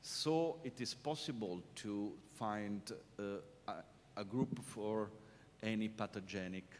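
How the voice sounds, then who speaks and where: Man, low voice, conference panelist, emphatic and explanatory, reverberant hall, faint rumble. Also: slow pace. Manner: emphatic, explanatory, frequent hesitations.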